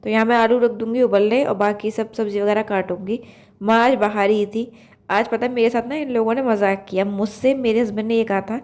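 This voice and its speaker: A young woman with a Uttar Pradesh Hindi accent, hoarse with a blocked nose from a cold, chatting in a rambling way as she narrates her home cooking vlog. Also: fairly high pitch, darkish tone. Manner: chatty, rambling, full of fillers. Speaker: vlog host. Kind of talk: casual cooking vlog voice-over.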